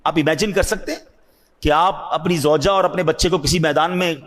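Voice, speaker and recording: A man preaching a religious sermon, asking his listeners rhetorical questions and swinging between hushed low asides and high, emphatic cries. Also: steady tone. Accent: Urdu speaker from South Asia.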